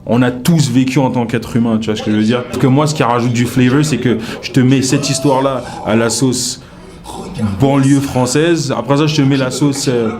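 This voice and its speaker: With crowd noise behind him, a young French comedian speaks as an interview guest in a medium-pitched voice at a moderate pace. His Paris-suburbs accent is slightly Québec-tinged, and his talk is laid-back and rambling, peppered with fillers.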